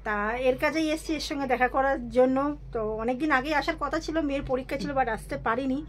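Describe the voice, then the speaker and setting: High-pitched woman vlogger in her thirties, chatty and eager, phone-filmed walk-and-talk. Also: fairly even intonation, fast talker, a little hiss or hum. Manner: chatty, keeps urging viewers to look. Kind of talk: casual walk-and-talk vlog. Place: residential lanes, then a home.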